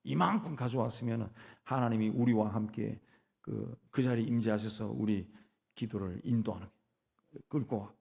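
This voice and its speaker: An older man, a pastor, preaching a folksy, animated sermon and acting out prayers. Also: on the low side, moderate pace, vocal fry, husky.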